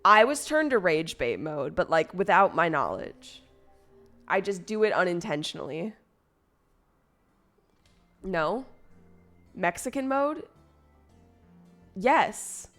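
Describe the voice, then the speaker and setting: Expressive woman streamer chatting casually. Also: fairly low pitch, slow, pauses often, soft background music. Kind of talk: casual chat.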